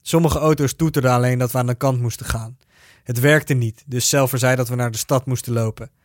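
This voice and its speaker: A man reading a first-person story aloud in a steady, even narrating voice. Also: mid-range voice, brisk, dry recording, clean studio sound.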